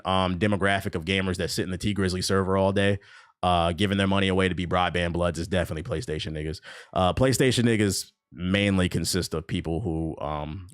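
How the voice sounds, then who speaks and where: A young man riffing casually on gaming news during a live stream, mocking and profane, with bursts of laughter between comments. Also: low voice. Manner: animated, profane, mocking banter.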